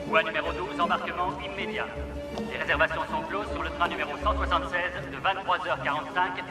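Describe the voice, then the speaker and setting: A man playing a formal train station announcer, giving a measured public-address announcement over a loudspeaker in a film dub. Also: fairly high pitch, fairly even intonation. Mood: formal, impersonal. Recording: film clip with music behind.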